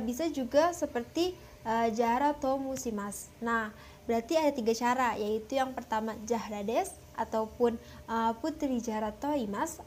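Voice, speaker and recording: A young woman from West Java teaches a lesson in a fairly high voice. She explains step by step, often pausing with hesitant filler sounds. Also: a little mellow, a little hiss or hum. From West Java, Indonesia. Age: young adult. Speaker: language teacher.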